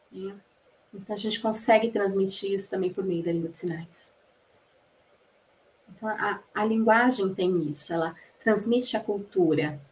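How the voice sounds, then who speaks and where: A woman voicing a lecture for a class, explaining patiently, asking the listeners rhetorical questions, and pausing to restart phrases mid-sentence. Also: medium pitch, pushed and bright. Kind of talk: spoken lecture rendering.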